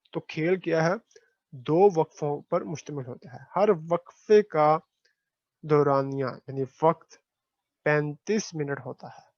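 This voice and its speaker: A man's voice: on the high side, darkish tone, no echo. A male teacher reads a textbook aloud and explains each word, asking and then answering his own questions. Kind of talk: classroom lecture reading and explaining a textbook. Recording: dry, dull lo-fi recording.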